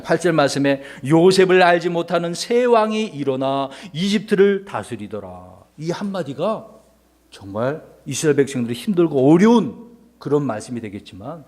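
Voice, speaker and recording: Animated man preaching to children. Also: fairly high pitch. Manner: animated, asks the children questions and acts out voices. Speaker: pastor teaching children's Sunday school. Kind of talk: children's sermon.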